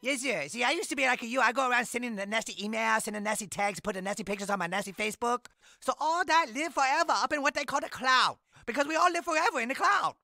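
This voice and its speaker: A man voicing a pushy door-to-door preacher in a cartoon, speaking halting, broken English. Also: extremely high pitch, creaky, sharp tone, no echo, studio quality, soft background music, exaggerated voice. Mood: preachy.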